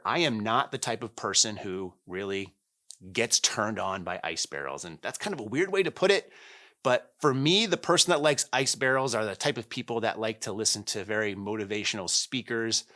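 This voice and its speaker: A man's voice: lowish voice, pushed and bright. A man in his forties talking casually to camera as a product reviewer, candid, conversational and a little self-deprecating. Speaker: gym equipment reviewer and YouTuber. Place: home gym, indoors.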